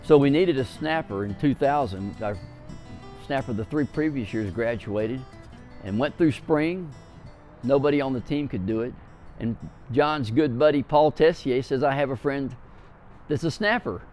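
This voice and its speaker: A man's voice: mid-range voice, measured pace, a little mellow, faint music behind. A man from a university's athletics staff, recalling a former player in a documentary interview.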